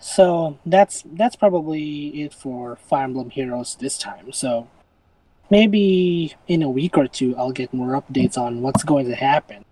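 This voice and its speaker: A man's voice: medium pitch, measured pace, a little mellow, no room sound, rough recording. A man co-hosting a casual gaming podcast, often stumbling and restarting his words, with a dry sarcastic edge. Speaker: podcast co-host.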